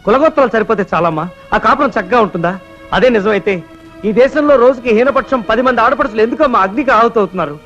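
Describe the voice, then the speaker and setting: A defiant young son in a film melodrama, earnest and impassioned. His high voice races along in speeches, over music on a muffled soundtrack. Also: expressive, fast talker, a bit bright, exaggerated voice. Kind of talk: Telugu film melodrama acting.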